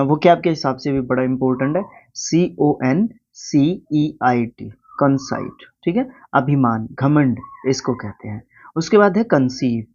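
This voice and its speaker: A man's voice: medium pitch, darkish tone. A man with an Indian accent teaching English spelling in a casual Hindi lesson, spelling words out letter by letter and asking the viewer questions. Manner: asks the viewer questions, then answers them. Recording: slightly dull, lo-fi recording.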